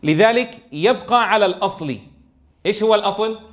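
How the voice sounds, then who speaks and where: A man's voice: sits high, brisk. A man teaching a tajweed lesson in a classroom, keeps asking his students questions and answering them himself. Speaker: Quran recitation teacher.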